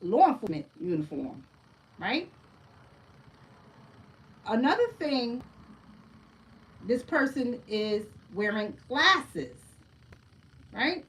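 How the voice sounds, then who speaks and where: Very animated yet slow and full of pauses, a woman with a somewhat high voice gives a casual oracle card reading on a livestream, greeting listeners as "family" and tacking "right?" onto her lines. She's far from the microphone, and the recording quality is low.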